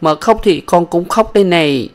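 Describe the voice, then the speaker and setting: A man voicing a young servant woman gently consoling her mistress in a storybook reading. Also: sits high, moderate pace, voice pushed up, close to an everyday voice. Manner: soothing, pleading.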